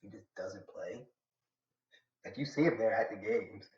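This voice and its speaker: A man's voice: on the low side, measured pace, a little mellow. A young man from Atlanta in the US, streaming live and chatting casually with his viewers in a slangy, rambling way. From Atlanta, USA. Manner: slangy, rambling and chatty, talks back to chat. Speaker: live streamer reacting to manga. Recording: roomy, slightly dull home setup.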